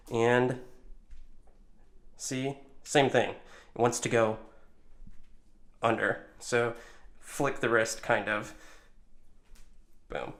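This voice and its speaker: A man with a medium-pitched, fairly bright voice presents a tutorial. In a casual, hands-on demonstration, he talks through each movement step by step.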